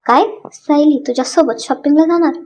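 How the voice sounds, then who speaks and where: A woman's voice: sits high, brisk, dull audio, slight background noise, close to an everyday voice. A woman voicing a jealous, possessive young husband who snaps his words. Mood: irritated. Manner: snapping, sharp.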